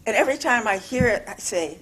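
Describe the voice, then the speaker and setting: A woman's voice: fairly high pitch, lively intonation, fast talker, fairly bright tone, husky. A woman giving an informal, rambling sermon in a church, stressing words and repeating herself. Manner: rambling, repetitive, emphatic. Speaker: spiritual living speaker. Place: church sanctuary.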